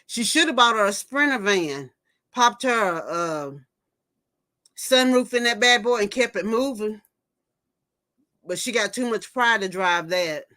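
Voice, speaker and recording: A woman's voice: medium pitch, animated, a little slow, long pauses, pushed and bright. A woman in her fifties hosting a casual livestream, gossiping and reading viewer comments aloud before reacting to them. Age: 50s. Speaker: livestream host. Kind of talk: casual chat.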